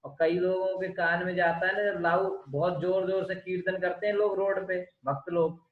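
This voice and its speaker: A man giving a lively devotional scripture talk, often asking his listeners rhetorical questions. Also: high voice, moderate pace. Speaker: spiritual lecturer. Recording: echoey dull room recording.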